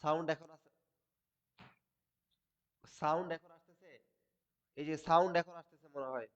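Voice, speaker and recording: Guy teaching accounting online, keeps repeating stuff n asking the class, kinda high voice, muffled stream audio. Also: moderate pace. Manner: repeats key points and quizzes the class. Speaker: accounting tutor. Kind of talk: live online class lecture. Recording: dull lo-fi livestream audio.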